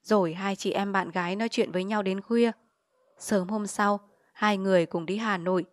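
A woman reading a novel aloud as an audiobook, with a steady storytelling delivery. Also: mid-range voice, normal speed, dry recording, studio quality. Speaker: audiobook reader.

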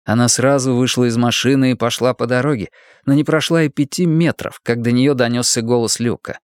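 A man reading an audiobook novel aloud in measured, scripted narration. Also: medium pitch, fairly even intonation, dry recording, studio quality.

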